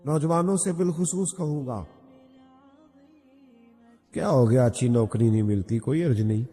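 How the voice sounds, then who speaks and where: A man's voice: mellow, breathy edge. A male preacher telling a devotional story in an emotional sermon, his voice swelling dramatically. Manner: dramatic, building to impassioned highs. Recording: long reverb in a big hall, faint music.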